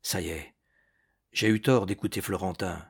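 A man voicing a young male farmhand who talks slowly and turns bitter and indignant. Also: low-pitched, fairly even intonation, gravelly, husky, pitched below the performer's own voice, full character voice. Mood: defiant. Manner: slow, then bitter and indignant. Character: young male farmhand, slow-spoken and defiant.

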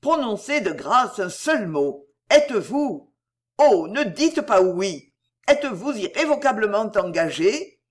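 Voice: medium pitch, big pitch swings, slow. A reader voicing a passionate young male poet who pleads in desperate, breathless declarations. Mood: pleading.

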